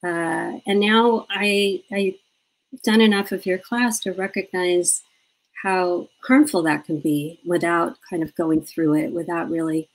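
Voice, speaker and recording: A woman with a fairly low, steady voice, speaking a little slowly, interviews a guest over a live video call and tells stories in a chatty way. She laughs often and acts out quotes from her childhood, though the audio quality is poor.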